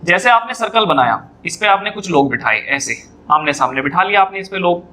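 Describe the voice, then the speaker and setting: A man's voice: high voice, expressive, brisk, sharp tone, slight background noise. A man teaching a reasoning lesson at a whiteboard, explaining step by step, repeating key points and putting questions to his students.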